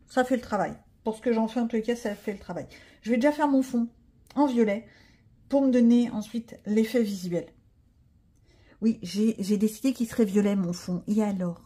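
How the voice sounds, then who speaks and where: A woman's voice: mid-range voice, dark tone. A woman vlogger chatting casually to viewers while she colors, with chatty self-mocking asides.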